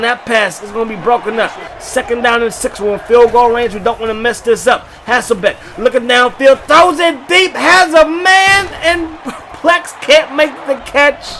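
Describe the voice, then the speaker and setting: A man giving lively, joking play-by-play commentary over a football video game, often bursting into shouts. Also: very high voice, a little hiss or hum. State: short of breath at times. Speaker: gaming YouTuber.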